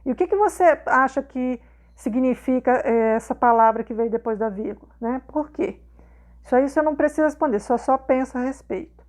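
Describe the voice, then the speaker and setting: Brazilian lady teacher, high voice, patient, keeps asking "right?" and going over each step again. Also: a little fast, darkish tone. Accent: Brazilian Portuguese, not southern. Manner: patient, repeats questions with frequent "né?" and "tá?". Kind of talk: explanatory video lesson.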